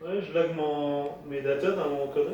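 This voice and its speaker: A man's voice: a little high, steady tone, normal speed, highs cut off. A man with a Quebec French accent, bantering casually and teasing in an indoor training space. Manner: teasing, joking. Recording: echoey room with loud music.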